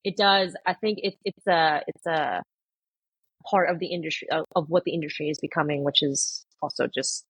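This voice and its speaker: A woman's voice: low voice, fairly even intonation, moderate pace, slightly rough, no echo. A woman, an oncology nurse, telling stories in a chatty way with many fillers on a podcast. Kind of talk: casual podcast chat.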